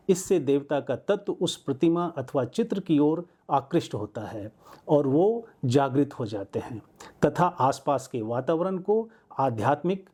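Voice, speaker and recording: A man presenting a program in formal, measured narration. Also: a little high, mellow, breathy edge. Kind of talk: scripted spiritual-educational narration.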